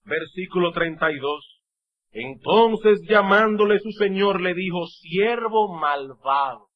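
A man preaching a sermon, swinging between shouts and low, quiet passages. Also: unhurried, dull audio.

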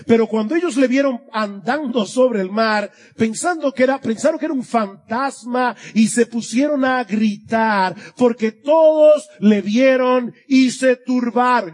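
A man's voice: extremely high pitch, moderate pace. A man preaching an expository sermon to his congregation, earnest, with a voice that swells and drops for emphasis. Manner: earnest, rising and dropping for emphasis. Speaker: pastor.

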